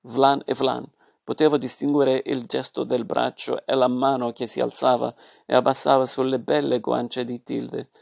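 A man reading a story aloud as its narrator, in a measured, expressive way. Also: medium pitch, vocal fry, no echo, studio quality.

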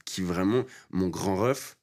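Low-pitched, slow, and a little mellow, this man's voice belongs to a rapper in his twenties guesting on a casual interview. He's short on sleep and talks in relaxed street slang, dropping lots of fillers.

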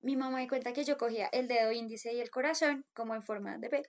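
A woman in her thirties with a Colombian accent, casually telling childhood stories with an animated manner. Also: on the high side, quick pace. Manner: animated, acts out voices in quotes, laughs often. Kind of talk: casual storytelling chat.

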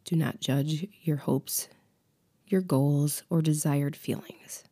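A woman guides a meditation, speaking very softly and intimately, as if right in your ear. Her voice is extremely mellow and a little low, often sinking close to a whisper. She goes slowly and calmly, leaving long pauses between phrases. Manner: calm, soothing, unhurried with long pauses.

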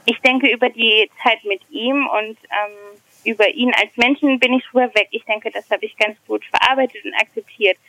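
A woman's voice: fairly high pitch, fairly even intonation, normal speed, pushed and bright, dry recording, poor audio. A woman in her thirties talking candidly as a podcast guest, hesitant and reflective, with many fillers. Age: 30s. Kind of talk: candid personal conversation.

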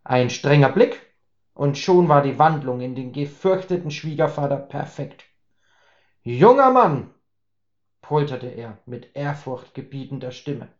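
A man narrating a comic story in a lively, humorous way. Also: mid-range voice, moderate pace. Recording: roomy, slightly dull recording.

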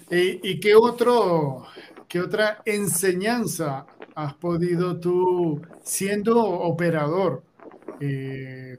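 A man hosts an online interview, putting his questions slowly and in a friendly way. His voice sits fairly high and his pace is unhurried. A faint hiss runs behind him. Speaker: interview host. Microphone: video call.

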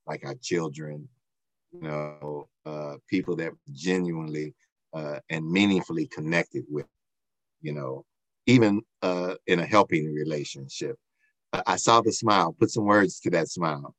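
Older man, deep voice, dry sound, glitchy video call, halting and slow. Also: a bit bright, no room sound. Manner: slow and halting, with many fillers. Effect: heard over a glitchy video call. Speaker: guest. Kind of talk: reflective interview talk.

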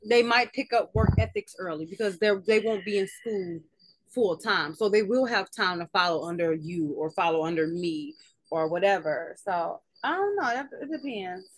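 A woman's voice: mid-range voice, expressive, normal speed, no room sound. Casual woman thinking aloud. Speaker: podcast co-host. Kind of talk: casual chat.

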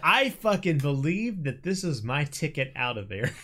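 Animated young man reading his old script. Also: on the high side, normal speed. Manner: laughing, swearing, animated. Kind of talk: casual chat and script reading.

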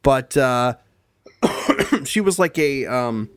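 A man's voice: medium pitch, expressive, drawn-out words, clear, resonant tone, no room sound, clean studio sound. A man chatting casually on a podcast, telling rambling stories full of hesitations and fillers.

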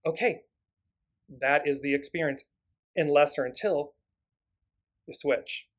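A man hosting a live spiritual talk, excited and fast, stacking up repeated phrases as he greets viewers. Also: a little high. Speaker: spiritual teacher and host.

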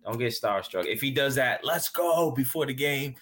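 A man co-hosting a podcast in casual sports chat, relaxed and slangy, laughing often. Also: medium pitch, normal speed. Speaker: podcast co-host.

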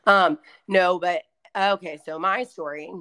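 A woman's voice: fairly low pitch, fairly even intonation, measured pace, fairly bright tone, clean tone. A woman in her twenties co-hosting a podcast, chatting casually with lots of fillers as she tells stories. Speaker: podcast co-host. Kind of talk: casual chat.

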